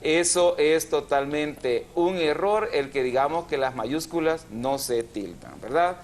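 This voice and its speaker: A male television host teaches spelling and accent rules to viewers in a measured, explanatory way. His voice sits a little high for a man, and he slows down to spell words out syllable by syllable. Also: expressive. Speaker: TV language program host. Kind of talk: didactic TV chat.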